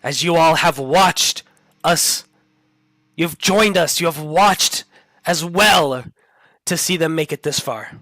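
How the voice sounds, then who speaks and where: A man's voice: on the high side, takes it slowly, pauses often, pushed and bright, no echo. A man casting a college esports final, upbeat and hyping up each player, a little under the weather. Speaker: play-by-play caster. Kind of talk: esports commentary.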